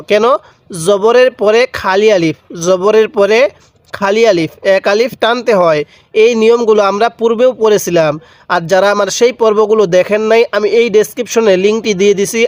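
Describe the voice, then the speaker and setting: A man teaching Quran reading, spelling each letter slowly with a Bangladeshi Bengali accent, stretching vowels in long drawn-out readings, and asking questions that he answers himself. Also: sits high, dry recording. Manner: asks the viewer questions and answers them himself. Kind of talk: step-by-step spelling lesson.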